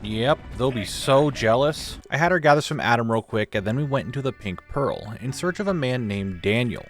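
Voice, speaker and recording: Young man, casual gaming voice-over, mid-pitched, joking recap style, light background music. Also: animated, normal speed. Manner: informal, joking, occasional swearing. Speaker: gaming video creator. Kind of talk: casual scripted gameplay recap narration.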